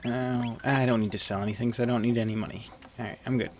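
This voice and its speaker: A man's voice: medium pitch, fairly even intonation, fast, slight background noise. A man giving casual, rambling live commentary as he plays a video game, thinking aloud.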